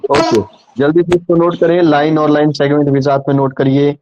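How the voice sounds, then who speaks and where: A man's voice: a little high, steady tone, brisk, a little mellow, lo-fi sound, a little hiss or hum. A man teaching a live online class, repeating points and asking the students if they follow. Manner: patient, repeats and checks understanding. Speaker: online tutor.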